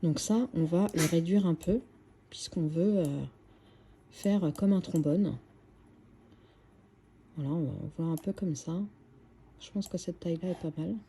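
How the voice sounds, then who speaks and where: A woman's voice: on the low side, unhurried, pauses often, warm tone, a little hiss or hum. A woman hosting a screen-recorded craft tutorial, chatty and hesitant, with many fillers and restarts.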